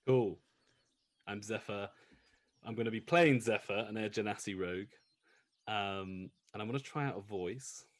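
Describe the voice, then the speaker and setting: A man with a fairly low voice talks casually as a tabletop player. He hedges and pauses often, filling gaps with ums and likes, sounding a bit self-conscious. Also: no echo. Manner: hesitant, self-conscious, many fillers. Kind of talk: casual chat.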